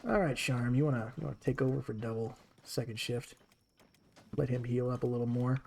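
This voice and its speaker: A man's voice: medium pitch, fairly even intonation, brisk, gravelly, darkish tone, a little hiss or hum. A man streaming a game with casual commentary, chatting to his characters as he plays.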